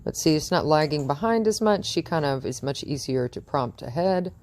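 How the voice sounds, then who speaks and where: A woman's voice: deep voice, normal speed, a little mellow. A woman dog trainer chatting through a training session outdoors in front of a house, cooing praise at the dog and laughing often.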